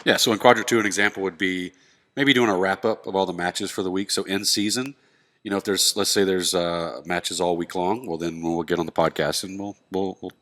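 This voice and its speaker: Deep voiced dude cohosting a podcast, stuffy nose, laid back, lots of uhs. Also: male voice, steady tone, fairly quick, a bit bright. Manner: laid-back, laughs often, many fillers. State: stuffy nose after nose surgery. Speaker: podcast co-host. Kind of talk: casual podcast chat.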